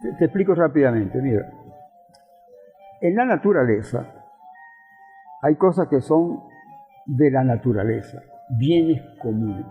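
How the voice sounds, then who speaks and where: Here an older Venezuelan-accented man, an interview guest who teaches and works in politics, speaks in an expressive, husky mid-range voice, a little slow and with frequent pauses. He reminisces and explains conversationally, stressing points and repeating himself. The sound is thin like a phone line, reverberant, with faint music behind.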